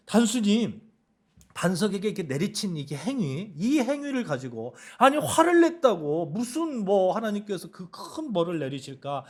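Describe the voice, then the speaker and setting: A male pastor preaching a sermon with emphatic delivery, rhetorical questions to his congregation and vivid retelling. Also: sits high.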